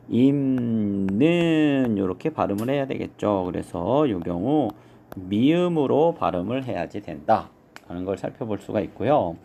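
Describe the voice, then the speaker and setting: A male teacher walks through an exam review, explaining each point step by step. His pitch moves lively up and down as he slowly sounds out example words. A faint hiss sits behind the voice.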